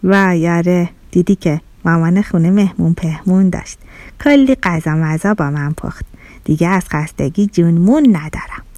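A woman's voice: lowish voice, warm tone, no room sound, pitched below the performer's own voice, close to an everyday voice. A woman voicing a cheerful, hardworking kitchen stove in a children's story, chatty and playful with words. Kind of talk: storybook character voice.

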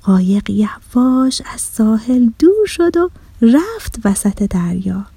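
A woman narrating a children's bedtime story in a soft, slow, gentle whisper, close to the mic. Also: a little high, expressive, vocal fry, breathy edge, no echo.

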